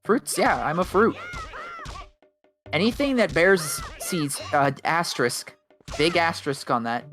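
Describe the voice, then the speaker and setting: A man streaming a video game and chatting casually, rambling and joking and quick to laugh. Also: on the high side, animated, fairly bright tone, soft background music.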